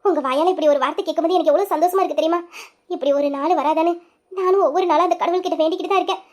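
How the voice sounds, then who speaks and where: A high young voice playing a grieving young wife who blames herself over her brother, in a tearful, pleading manner. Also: fairly even intonation, rapid-fire, darkish tone. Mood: hopeful. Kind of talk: Tamil family-serial storytelling.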